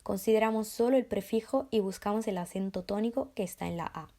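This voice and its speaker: A woman reading a scripted grammar explanation as a student presenter, calm and careful as she goes through rules and examples. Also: medium pitch, brisk.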